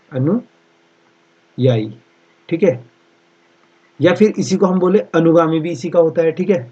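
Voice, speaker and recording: Husky-voiced man teaching a class. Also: on the high side, mellow, dull audio. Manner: repeats answers slowly, frequent "theek hai" fillers. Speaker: exam-prep Hindi teacher. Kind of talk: online class lecture.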